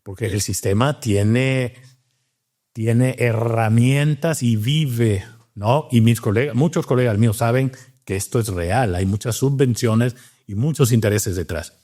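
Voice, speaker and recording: In a medium-pitched, dark-toned voice and at a slightly slow pace, a man from Cuba, a physician and scientist, thoughtfully recounts his story during an informal interview, full of restarts and fillers.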